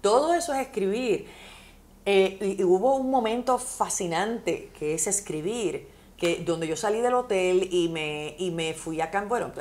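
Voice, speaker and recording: Puerto Rican woman author, middle-pitched voice, vivid heartfelt storyteller in an interview. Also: unhurried, a little mellow.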